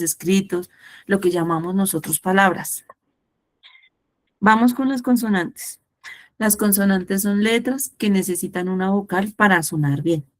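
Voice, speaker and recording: Woman teaching a virtual class. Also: medium pitch. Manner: explains with a storybook tale and examples. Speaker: Spanish teacher. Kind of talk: online class lesson. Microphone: video call.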